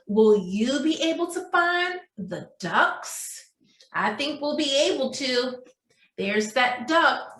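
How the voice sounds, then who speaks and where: Speaking in a sharp, high-pitched voice, a woman teaching preschool reads to young children and guides them through a craft, quizzing them in a sing-song manner. The sound is echoey and roomy, recorded indoors.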